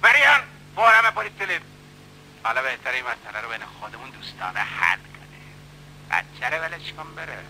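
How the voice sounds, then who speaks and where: Swaggering middle-aged bully, high-set voice, blustering and threatening. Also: male voice, lively intonation, pushed and bright, a little hiss or hum, heavily acted, poor audio. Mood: smooth menace. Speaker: dub actor. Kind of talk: dubbed film acting.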